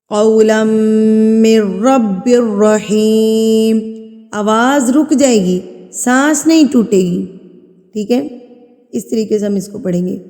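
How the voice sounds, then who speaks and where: A woman's voice: fairly high pitch, darkish tone. Woman teaching tajweed in a reverberant hall. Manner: explains patiently, repeats terms, checks with questions. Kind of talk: tajweed lesson with slow recitation.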